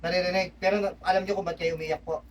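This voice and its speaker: A man's voice: high voice, little pitch movement, quick pace, highs cut off. A man working as a spiritual healer, insistently questioning a spirit and then explaining the session to onlookers. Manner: insistent, presses with repeated "ha?". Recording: distant mic with faint background noise.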